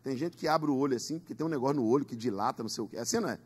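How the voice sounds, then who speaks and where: A man's voice: mid-range voice, rapid-fire, breathy edge. A man preaching a Pentecostal sermon in a church, emphatic, with call-and-response. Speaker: pastor.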